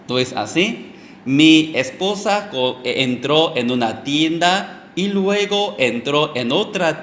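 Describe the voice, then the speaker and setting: Male preacher, sermon storytelling, very slow delivery, fairly high voice, halting with fillers and restarts, echoey room. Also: a bit bright. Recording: echoey room with faint background noise.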